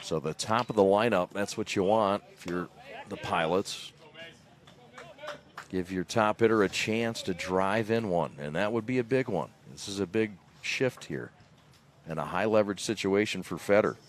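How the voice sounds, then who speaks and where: A man with a fairly low voice gives live baseball play-by-play. He sounds informal and conversational, slipping in unhurried asides between calls. He is outdoors at the ball field. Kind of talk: live sports commentary.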